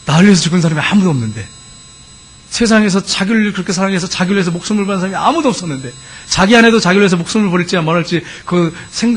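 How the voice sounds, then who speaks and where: A man preaching a sermon as a pastor, telling a story to his congregation and slowly reciting love poems with fervor. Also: sits high, breathy edge.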